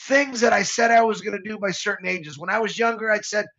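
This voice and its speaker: An earnest man in his fifties speaks with a bright, gravelly voice that sits high for a man. He rambles with feeling, often stopping and restarting his sentences. The sound is slightly dull and lo-fi, like a livestream. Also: fairly even intonation, brisk. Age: 50s. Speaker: show co-host. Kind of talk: live motivational talk.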